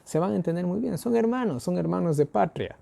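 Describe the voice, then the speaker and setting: A man's voice: high voice, lively intonation, brisk, gravelly, mellow. A man with an Ecuadorian accent teaching a daily Bible study, posing rhetorical questions and answering them himself in a folksy way, with everyday examples.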